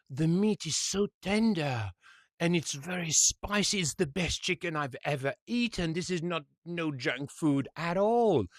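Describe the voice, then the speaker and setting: Animated man. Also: medium pitch, no echo, studio quality. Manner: animated storytelling, frequent fillers and restarts. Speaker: commentator. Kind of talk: casual monologue commentary.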